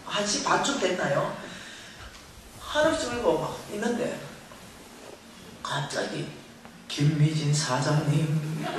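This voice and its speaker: A middle-aged woman speaking at a revival meeting, telling her story in an animated way and acting out the voices in it. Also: mid-range voice, background noise. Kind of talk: testimony sermon. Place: large church hall. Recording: echoey hall recording from far off.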